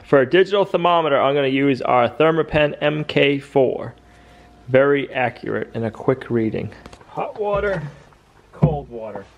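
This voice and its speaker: A man with a mid-range voice narrates a casual homestead vlog outdoors on a winter farm. He's chatty and explains each step as he goes, though the recording sounds muffled.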